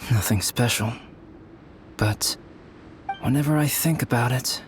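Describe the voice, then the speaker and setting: Voicing a composed young alchemist for a game, the male actor keeps his delivery soft, calm and measured, with a thoughtful air. His mid-range voice is close to an everyday one, though the recording is very noisy.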